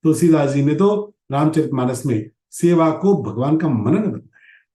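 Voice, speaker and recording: A man teaching a Gita class in a spiritual discourse style, with wide swings in pitch, slowing for emphasis and chanting Sanskrit verses. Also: animated, mellow, reverberant.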